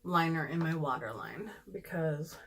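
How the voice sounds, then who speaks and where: A woman's voice: on the low side, unhurried, fairly bright tone. Chatty woman doing a candid makeup review. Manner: chatty, candid, with frequent ums. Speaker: beauty vlogger.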